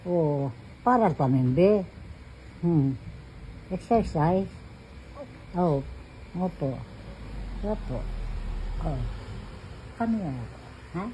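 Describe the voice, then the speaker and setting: Slow, cooing woman. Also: low voice, animated, mellow, slight background noise, low-quality recording. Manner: cooing, playful, coaxing, laughs often. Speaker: caregiver talking to a baby. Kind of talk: baby talk.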